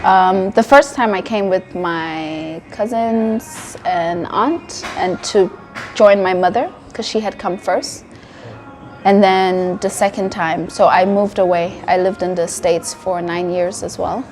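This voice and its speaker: A woman in her twenties from Sierra Leone, raised in Denmark, answering interview questions in a thoughtful, steady way with frequent ums, recorded in a cafe. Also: mid-range voice, slow, soft background music. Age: 20s. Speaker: interview guest, wellness coach. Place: indoor cafe.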